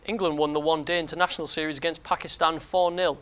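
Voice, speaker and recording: A man presenting sports news, reading a script briskly with occasional slips. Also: on the high side, level tone, fairly bright tone, smooth.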